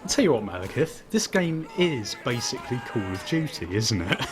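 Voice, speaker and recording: A man's voice: mid-range voice, sing-song, brisk, music in the background. A young man guesting on a game stream, chatting casually, laughing often and joking sarcastically about himself. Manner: laughs often, self-deprecating, playfully sarcastic. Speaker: guest YouTuber. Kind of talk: casual gaming chat.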